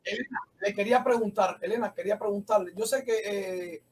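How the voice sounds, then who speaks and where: A male host with a high, husky voice puts his questions haltingly, circling back and repeating himself. He talks over a video call.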